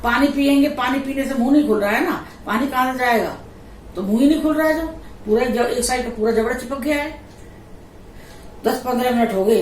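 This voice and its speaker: Vlogger mom, middle-aged woman, lively laughing storyteller; a bit off-mic in an echoey room with faint background hum. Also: mid-range voice. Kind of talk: casual storytelling chat. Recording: echoey room, voice a little distant.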